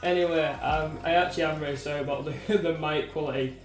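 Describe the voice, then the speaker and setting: A man, hosting a casual aquarium vlog at home, chatty and quick to laugh at himself. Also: fairly high pitch, steady tone, faint music behind. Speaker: aquarium hobby vlogger. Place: indoors at home by his fish tanks. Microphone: clip-on mic, then phone mic.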